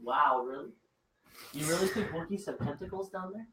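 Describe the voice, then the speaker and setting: A young man co-hosting a casual podcast chat, teasing and animated. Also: a little high, moderate pace, background noise. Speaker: podcast co-host. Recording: roomy echo.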